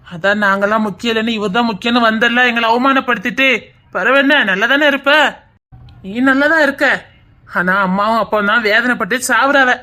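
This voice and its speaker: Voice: medium pitch, fairly quick, pushed and bright, close to an everyday voice. An actor playing a cold, resentful older brother with a Tirunelveli Tamil accent, speaking curtly and bitterly. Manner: curt, bitter.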